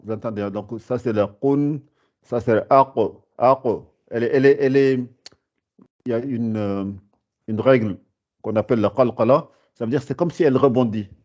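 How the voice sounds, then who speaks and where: A man's voice: mid-range voice, moderate pace, a little mellow. A man teaching a beginners' Arabic class, patiently repeating sounds and words, with frequent fillers and restarts. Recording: dull lo-fi sound.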